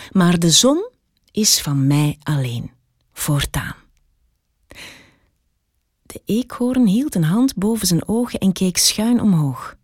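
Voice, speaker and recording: Slow, calm woman reading a story. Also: lowish voice, no room sound, studio quality. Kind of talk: reading a children's story aloud.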